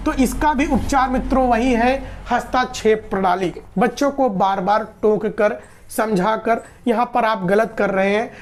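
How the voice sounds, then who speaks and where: A woman's voice: a little high, a little hiss or hum. A woman teacher giving an exam-prep lecture, explaining patiently, repeating points and asking and answering her own questions.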